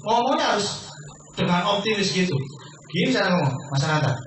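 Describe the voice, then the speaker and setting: A man giving a persuasive business sales pitch to a seminar audience, asking questions and answering them himself. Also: very animated, fairly quick, a bit bright. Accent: Indonesian. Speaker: business presenter. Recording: echoey room from far off, faint noise.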